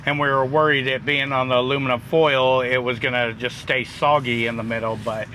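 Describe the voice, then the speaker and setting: A man co-hosting a trucking vlog, chatting in a relaxed, joking way from inside a truck cab. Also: medium pitch, brisk, a little hiss or hum. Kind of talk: casual cooking chat.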